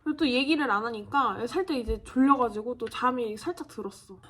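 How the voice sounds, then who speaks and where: A young woman chats to her viewers while doing her makeup, telling a story in a lively, talkative way. She acts out the doctors, the nurses and her own past self, and laughs often. Her voice sits a little high. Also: brisk. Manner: chatty, animated, acts out quoted voices with laughter. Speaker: vlogger.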